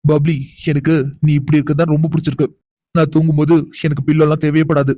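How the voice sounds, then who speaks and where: A woman's voice: low voice, level tone, fast, dark tone, no room sound, highs cut off. A woman voicing a doting, teasing young husband in a cartoon, coaxing and chuckling as he talks. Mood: teasing, fond. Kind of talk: animated cartoon voice acting.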